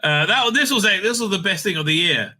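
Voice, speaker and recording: With a high, bright, forceful voice, a man talks animatedly and fairly quickly as host of a fan review show. His opinionated rant is casual and blunt, heavy on swearing and exasperation, with "right?" regularly appended as a question.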